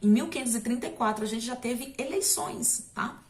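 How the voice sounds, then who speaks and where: A Brazilian woman gives a recorded history lesson, her fairly high voice chatty and full of quick check-ins with her students. She jokes lightly as she explains. The room around her rings with echo. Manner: chatty and conversational, addressing students directly with frequent "tá?" and jokes. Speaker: history teacher. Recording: echoey room.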